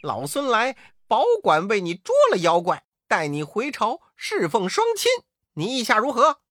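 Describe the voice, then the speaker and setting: 男声扮演的顽皮自负的猴王孙悟空. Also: male voice, sits high, huge pitch swings, measured pace, sharp tone, no room sound, studio quality, pitched above the performer's own voice, exaggerated voice. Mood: cocky. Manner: laughing "heh heh", brash cries. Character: cheeky boastful male Monkey King, bold and spry.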